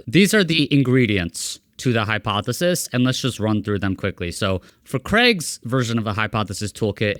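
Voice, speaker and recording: A man's voice: medium pitch, a bit bright, no room sound, clean studio sound. A man hosting a podcast, explaining ideas step by step in a casual conversation. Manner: explanatory, laying points out step by step. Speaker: podcast host.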